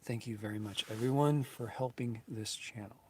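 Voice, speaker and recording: A man's voice: mid-range voice, moderate pace, slight background noise. A man in his fifties talking casually to his viewers, earnest and grateful, rambling with many restarts and fillers. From United States. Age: 50s. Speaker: YouTube channel host. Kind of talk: casual vlog talk to viewers.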